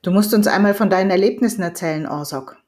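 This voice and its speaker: A woman voicing a gentle old male village elder in an audiobook reading, soft-spoken and hesitant. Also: mid-range voice, fast talker, natural voice. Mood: calm.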